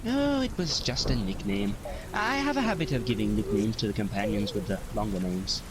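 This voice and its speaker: Man playing theatrical, secretive time-traveling mentor, animated pitch. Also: a little fast, crowd noise, poor audio. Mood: musing. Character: enigmatic, guilt-ridden male time-traveling alien mentor, evasive and grieving. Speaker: actor in audio drama.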